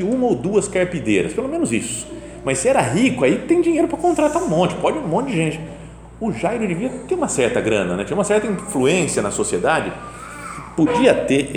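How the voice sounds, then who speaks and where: The speaker's voice is a little high and darkish as he preaches a chatty homily in a chapel with a Brazilian Portuguese accent. He keeps asking his listeners "né?". The room is reverberant with faint ambience, and there is a little hiss or hum.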